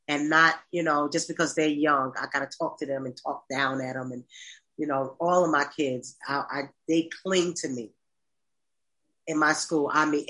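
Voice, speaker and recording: A woman's voice: sits low, fairly bright tone, poor audio. A woman in her fifties, a pastor hosting a call-in talk, speaking affectionately in long rambling sentences full of restarts. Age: 50s. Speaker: pastor and host. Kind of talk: casual talk to listeners on a call-in stream.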